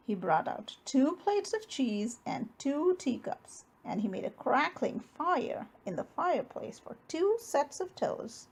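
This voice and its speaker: A woman's voice: high voice, slightly rough. A woman narrating a children's story aloud, expressively, with dramatic emphasis on key words. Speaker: storybook reader.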